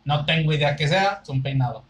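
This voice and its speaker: A man's voice: on the high side, a little fast, poor audio. A Mexican man co-hosting a podcast, curiously explaining where words come from in casual chat. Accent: Mexican Spanish. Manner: curious, explanatory, thinks aloud. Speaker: podcast co-host.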